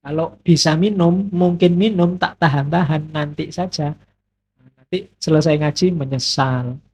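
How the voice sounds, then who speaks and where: This philosophy lecturer is male, with a husky, lilting, fairly high voice and a measured pace. He teaches casually, joking around and reaching for playful examples, and the lecture recording sounds dull and lo-fi.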